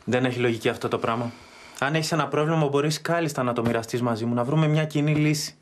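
A man's voice: mid-range voice, lightly acted. Man playing a dejected, heartbroken young man. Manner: dejected, pleading. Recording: roomy echo.

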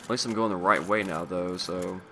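A man's voice: deep voice, steady tone, moderate pace, music in the background. A man giving casual, off-the-cuff commentary while he plays a video game. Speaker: gamer recording a playthrough. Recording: loud background noise, clicks.

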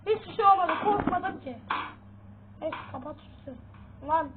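Very high-pitched, jumpy female gamer. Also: animated, moderate pace. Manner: jumpy, yelps at sudden sounds. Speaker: gaming channel host. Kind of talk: casual gameplay commentary. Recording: tinny phone-like sound, faint noise.

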